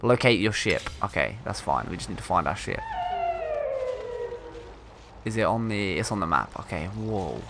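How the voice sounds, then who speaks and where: A man hosting a gaming video in a casual, excitable way, commentating and reading game text aloud. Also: sits low, moderate pace, vocal fry, pauses often. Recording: music behind the voice. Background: game music.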